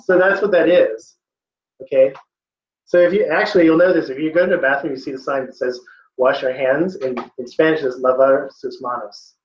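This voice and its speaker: A tutor with a brisk, slightly high male voice runs an online test-prep class, playfully quizzing students on word roots. The recording sounds echoey, dull, and lo-fi.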